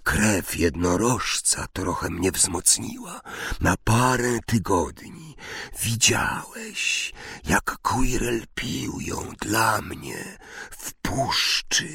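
A man voicing a cruel, hissing dark lord's ghostly face in a whispered role-play, sneering and half-whispered. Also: fairly low pitch, sing-song, very slow, vocal fry, breathy edge, no echo, studio quality, exaggerated voice. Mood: cold, menacing.

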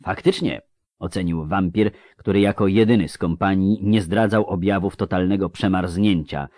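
A man reading an audiobook in a dramatic, expressive way. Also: deep voice, moderate pace, dry recording, clean studio sound. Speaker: narrator.

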